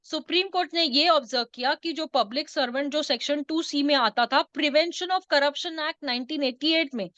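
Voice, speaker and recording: A woman's voice: high voice, bright, forceful tone, dry recording, highs cut off. A woman teaching a law class, mixing English terms into her explanations and quizzing her students. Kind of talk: online law lecture.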